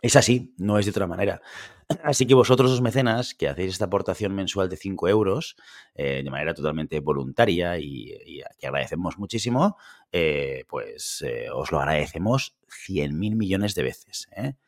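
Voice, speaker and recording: A man's voice: deep voice, expressive, normal speed, no echo, studio quality. A man from hosting a casual podcast, chatty and tagging his sentences with a questioning "eh". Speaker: podcast host.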